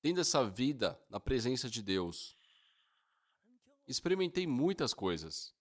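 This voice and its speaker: A man giving a sermon interpretation in a storytelling way. His pitch rises and falls a lot, and he acts out the people in the story by raising his voice. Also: sing-song, a little slow. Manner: storytelling, acts out dialogue with raised voice.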